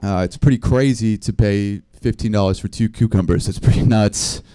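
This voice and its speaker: A man performing a stand-up set, spinning rambling anecdotes with a deadpan delivery. His tone is dark and mellow. The recording is dry and close. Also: fairly low pitch, moderate pace, clean tone, no room sound. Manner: deadpan, rambling storytelling with small laughs. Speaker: stand-up comedian. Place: live comedy stream venue.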